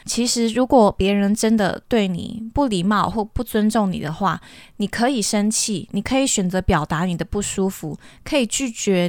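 A woman's voice: medium pitch, dry recording, clean studio sound. A young woman, hosting a podcast and telling a personal story in a candid, chatty, earnest way. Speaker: podcast host.

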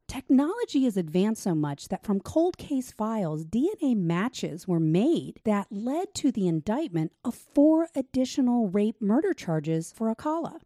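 A woman's voice: medium pitch, warm tone, dry recording. A woman host narrating a true crime story in a casual, conversational way, with dry sarcastic asides.

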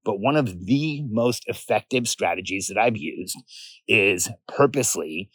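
Guy in his 40s doing a casual podcast out in the backyard, lowish voice, dry sound, earnest, repeats himself for emphasis. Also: animated, unhurried, a bit bright, no room sound. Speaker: podcast host. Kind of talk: informal solo podcast monologue. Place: outdoors in a backyard by a pool.

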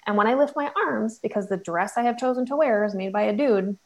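A woman's voice: medium pitch, quick pace, a little mellow, poor audio. A woman in her forties, a fashion entrepreneur, chatting candidly and self-deprecatingly as an interview guest. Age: 40s.

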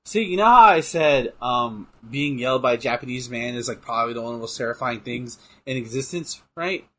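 A man's voice: mid-range voice, lively intonation, brisk, pushed and bright. A young man casually chatting and joking while playing a game, swearing and laughing often. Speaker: co-host. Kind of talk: casual gaming chat with commentary.

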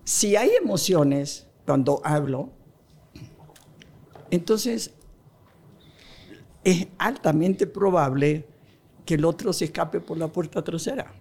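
A woman's voice: deep voice, slow, long pauses, dark tone, breathy edge. A woman guest explaining relationship communication in a casual conversation, often asking rhetorical questions.

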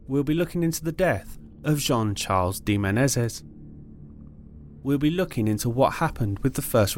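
A man's voice: medium pitch, a little hiss or hum. A man hosting a podcast, reading his closing notes and appeals to listeners in an earnest, pleading way. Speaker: podcast host. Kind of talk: scripted podcast narration.

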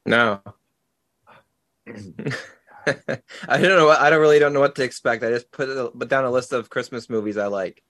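A man co-hosts a podcast in relaxed, casual banter, easygoing and quick to laugh. His voice is mid-range, and the recording is dry with no room sound. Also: medium pitch, no echo. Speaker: podcast co-host.

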